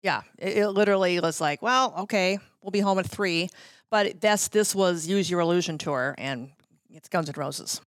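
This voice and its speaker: A middle-aged American woman, a former radio promotions worker, chats casually as a podcast guest, breezily telling anecdotes and acting out quotes. Her voice sits on the low side at a normal speed, in a dry recording with clean studio sound.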